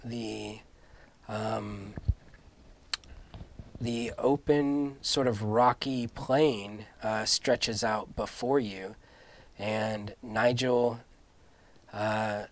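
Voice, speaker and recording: Low-voiced male game master, halting delivery. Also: fairly even intonation. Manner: halting, searching for words. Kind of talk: improvised tabletop game narration.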